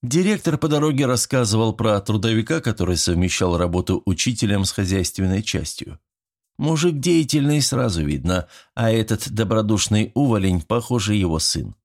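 A man narrating a first-person audiobook in a lively, expressive way. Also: fairly low pitch, normal speed.

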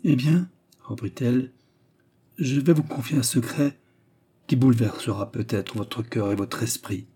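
A man voicing a grieving, lovesick young woman who speaks softly and sadly in an audiobook. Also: mid-range voice, unhurried, slightly rough. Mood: intense. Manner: soft, sad, solemn declarations. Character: grieving lovesick Indian woman, calm and intense.

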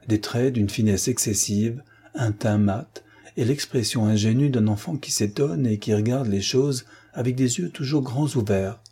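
Low, mellow male audiobook narrator. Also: husky. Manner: measured, even literary reading.

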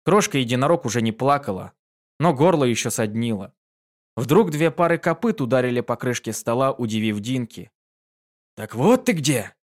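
A man narrating a fan story in a calm, even reading voice. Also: medium pitch, normal speed.

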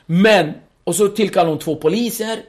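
A middle-aged man telling a story as a podcast guest, animated, acting out other people's voices and laughing often. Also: high-pitched.

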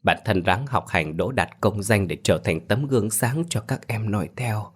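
A male narrator voicing a dying mother who quietly urges her eldest son to care for his brothers. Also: fairly low pitch, animated, unhurried, husky. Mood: tender. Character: gentle dying mother, mistress of the house.

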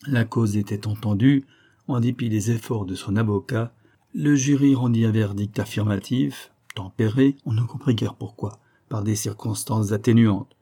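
A man narrating a classic novel in a measured, even reading voice. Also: lowish voice. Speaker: audiobook narrator.

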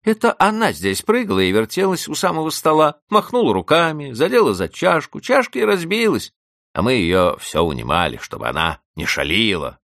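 A man's voice: mid-range voice, sing-song, normal speed, a bit bright, no echo, studio quality, voice pushed up. A man voicing a prim young schoolgirl who tells tales in a preachy, lecturing way.

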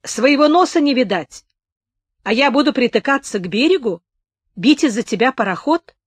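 A woman's voice: high voice, lively intonation, normal speed, slightly rough, no room sound, pitched above the performer's own voice. A woman voicing a harassed, grumpy steamboat captain who sighs and snaps in exasperation in an audiobook. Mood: exasperated. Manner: exasperated, sighing.

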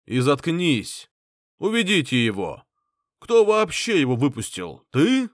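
A man's voice: medium pitch, lively intonation, a little slow, fairly bright tone, no room sound, studio quality, voice pushed up. A man voicing a brutal clan head who barks orders and sneers. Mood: angry. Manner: barking orders, scornful. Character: brutal middle-aged clan head, contemptuous.

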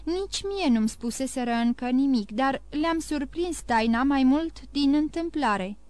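A woman's voice: high voice, lively intonation, a little mellow, no room sound. A woman reading an audiobook voices a loving young granddaughter who questions her grandfather in a pleading, affectionate way.

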